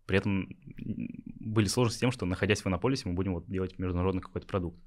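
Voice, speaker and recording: This is a young startup founder from Yakutia in Russia, responding to an interviewer with hesitation and plenty of filler sounds. His low, darkish voice races along.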